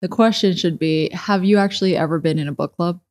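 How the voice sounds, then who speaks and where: Low-voiced woman podcast co-host. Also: fairly quick, darkish tone. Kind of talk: casual chat. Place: kitchen table in a living room.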